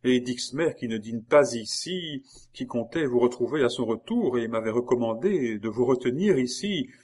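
A man's voice: mid-range voice, expressive, normal speed, darkish tone, husky, voice pushed up. A man reading aloud, voicing a tender, anxious young married woman with a raised, pleading, emotional delivery. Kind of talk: audiobook character voice.

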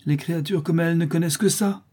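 A man's voice: medium pitch, lively intonation, moderate pace, warm tone, slightly rough. A man voicing a harsh peasant widow who sells milk, in an accusing, insistent manner, for a storybook reading.

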